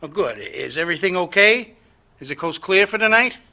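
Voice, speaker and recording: A man's voice: high-pitched, big pitch swings, a little fast, pushed and bright, heavily acted. A man playing a shifty hired crook in a 1940s-style radio drama, deferential, conspiratorial and clipped.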